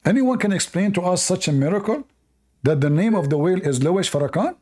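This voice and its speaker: Male debate host, scornful and combative, non-native English, higher-pitched with a soft, dark tone. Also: expressive, fast. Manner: mocking, combative, laughs at opponents. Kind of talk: live debate commentary.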